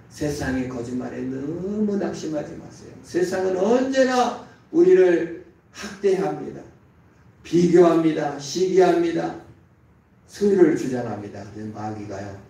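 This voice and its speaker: A man's voice: moderate pace, gravelly. Preaching man, echoing from far off. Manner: emphatic preaching with sharp rises in pitch and volume. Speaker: pastor. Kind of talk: sermon. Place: church sanctuary. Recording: very echoey church from far off, faint noise.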